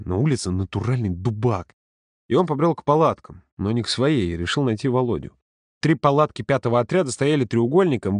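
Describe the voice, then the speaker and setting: A man narrating a story in a calm, steady audiobook reading. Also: medium pitch, no echo, studio quality. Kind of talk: scripted narration.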